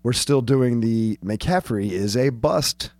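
A man's voice: mid-range voice, slow, darkish tone, no room sound. A sick man hosting a sports talk show, asking his co-host laid-back questions about football.

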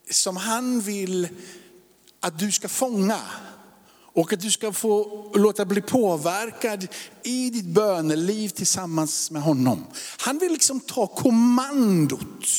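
A man in his forties, a pastor preaching a sermon, rising to loud emphasis and dropping to hushed whispers. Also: high-pitched. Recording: long hall reverb.

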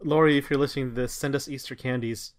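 A man's voice: mid-range voice, steady tone, fast talker, no echo, studio quality. A man co-hosting a casual podcast, chiming in eagerly with small restarts. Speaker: podcast co-host. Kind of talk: casual chat.

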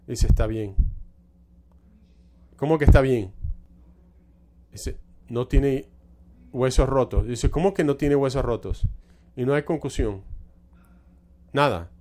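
A man's voice: mid-range voice, takes it slowly, pauses often, warm tone. A male pastor preaching a sermon, telling a church story with frequent restarts and repeated words.

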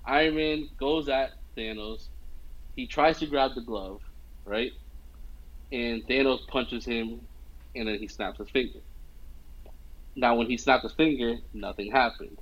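Speaking at a measured pace with long pauses, a young man in a mid-range voice casually walks his listener through a film, scene by scene. He's animated, full of fillers, often asking "you know what I mean," and the audio quality is poor.

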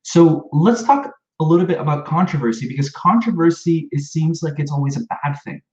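A man's voice: on the high side, a little fast, darkish tone. A man hosting a podcast interview, chatting casually with plenty of fillers and restarts. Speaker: podcast host. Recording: echoey room, slightly dull sound.

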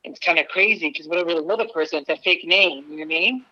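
A woman's voice: on the low side, very fast, pushed and bright. A woman on speakerphone as a podcast guest, chatting casually and rambling with many fillers and restarts. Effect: on speakerphone, heard through a phone line. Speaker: podcast guest, stand-up comedian. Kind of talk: casual phone interview. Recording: lo-fi phone audio.

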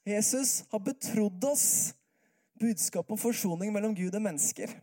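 A man preaching a sermon in a calm, conversational way, often putting rhetorical questions to the congregation. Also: sits high.

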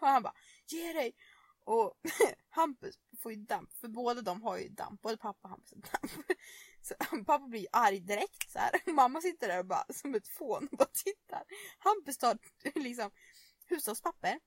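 Young woman, podcast co-host, high voice, dry close recording, lively laughing storyteller. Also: no room sound. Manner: animated storyteller, laughing, swearing. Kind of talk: casual chat.

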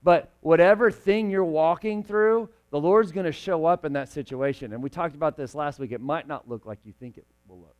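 A pastor preaching a sermon in a church, chatty and joking in his asides, growing louder and slower when he reads scripture aloud. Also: fairly high pitch. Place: church sanctuary.

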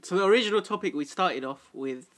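A man's voice: high voice, lively intonation, fast, a bit bright. A young man, steering a casual discussion as podcast co-host. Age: young adult.

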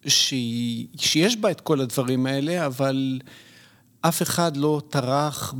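A middle-aged man, a podcast guest, explaining his views in a measured, lecturing way, often pausing to find the right word. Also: mid-range voice, a bit bright. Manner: measured, lecturing, pauses to search for words. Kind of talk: reflective conversational explanation.

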